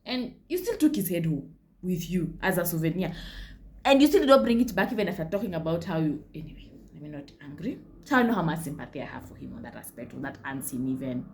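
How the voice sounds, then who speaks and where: A woman's voice: low voice, animated, quick pace, a little mellow, slight background noise. A Kenyan woman hosting a casual history vlog, chatty, with frank asides and slips into Swahili. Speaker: history channel host.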